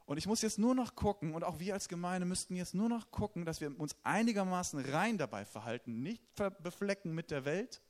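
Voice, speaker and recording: Male preacher, slightly high, very expressive delivery, chatty sermon that draws in the congregation. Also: fairly quick, hardly any pauses. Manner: lively, conversational preaching with questions to the congregation.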